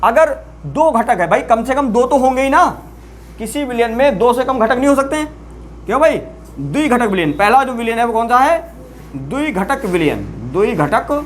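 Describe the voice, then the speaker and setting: A chemistry teacher giving a classroom-style lecture, often asking the students questions and then answering them, and repeating key terms slowly for emphasis. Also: medium pitch, slight background noise.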